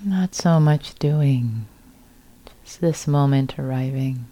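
Guiding listeners through meditation, a female teacher speaks in a very deep but soft, breathy, gentle voice. Her pace is slow, with brief phrases and long pauses between them.

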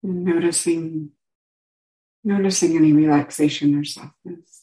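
A woman leads a guided meditation, offering gentle instructions in short phrases separated by long pauses. Her voice is low-pitched and steady, though the audio quality is poor.

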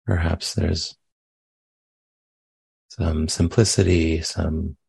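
A meditation teacher with a deep, creaky, husky voice leads a guided meditation. He speaks gently and unhurriedly in a level tone, leaving long pauses.

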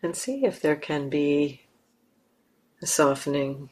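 Guiding a meditation as the teacher, this woman uses a low yet expressive voice. Her phrases are short, gentle and slow, with long gaps in between.

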